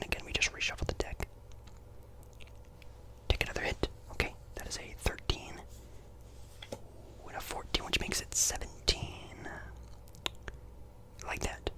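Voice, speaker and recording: The recording quality is low as a man whispers, playing a friendly, apologetic casino dealer for ASMR. Breathy and chatty, he reassures politely, though with some hesitation.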